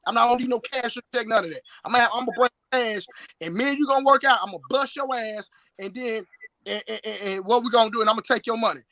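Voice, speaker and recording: A man's voice: extremely high pitch, racing, pushed and bright, dry recording. A man in his late thirties, a strength and conditioning coach, talking boastfully and emphatically as a guest on a live stream. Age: 30s. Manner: boastful, emphatic, repeats words. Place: live video call.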